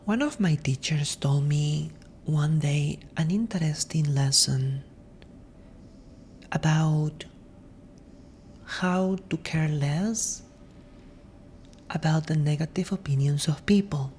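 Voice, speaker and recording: This ASMR host, a woman, delivers a soft monologue at a very slow, reflective pace. Her voice is mellow and a touch low, breathy, frequently sinking to a whisper, with a faint low rumble in the background.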